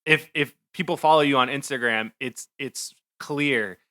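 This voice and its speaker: A man's voice: medium pitch, measured pace, pushed and bright. A man hosting a podcast who asks questions in a casual, easily amused way. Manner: laughs easily, friendly questioner. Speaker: podcast host. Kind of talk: casual interview chat.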